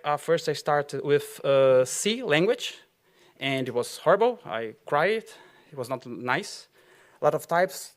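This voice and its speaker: A man from Brazil with a Brazilian Portuguese accent gives a conference talk in an auditorium, loose and chatty, full of fillers and little laughs. His voice is a little high with a fairly bright tone.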